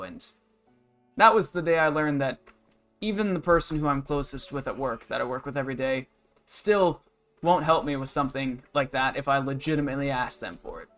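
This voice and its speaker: A twenty-something man chats on his game livestream, rambling and complaining about work in a blunt, matter-of-fact manner. His voice is mid-range and a bit bright.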